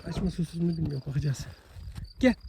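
A man's voice: on the high side, fast, gravelly, background noise. A man vlogging outdoors in the countryside, talking affectionately to animals and calling them with long repeated coaxing cries, with asides to his viewers. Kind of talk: casual outdoor vlog.

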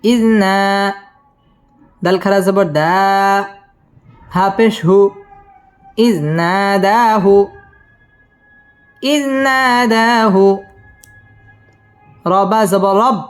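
A high-pitched man teaches Quran recitation at an unhurried pace, drilling each syllable before chanting the full verse melodically. Soft music plays faintly behind him.

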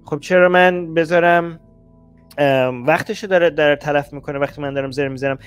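A man's voice: a little high, clear, resonant tone, faint music behind. Blunt, heated male commentary host. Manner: blunt, exasperated, rising heat. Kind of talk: reaction commentary on clips.

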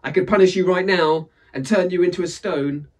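A man's voice: high voice, a little fast, distant mic, voice pushed up. A man voicing Death, a bargaining spirit with a temper in a folktale, firm and emphatic. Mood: angry threat.

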